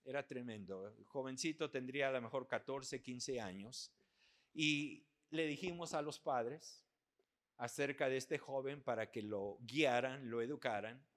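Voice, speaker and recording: A man's voice: mid-range voice, measured pace. Older man preaching a sermon. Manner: earnest, rising to loud emphatic preaching. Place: church hall at a men's conference.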